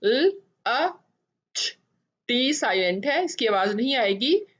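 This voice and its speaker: A woman's voice: fairly high pitch, lively intonation, highs cut off. A woman teaching phonics, sounding out letters and stretching each word as she repeats it. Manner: drawn-out, repeated word pronunciations.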